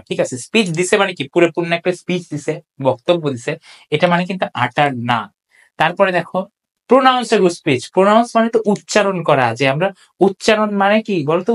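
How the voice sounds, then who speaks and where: An English tutor, recording an exam-solution lecture, working through answers step by step with many rhetorical questions and frequent checks that students follow. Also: mid-range voice. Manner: reads English sentences out slowly and deliberately. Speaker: English tutor for admission exams.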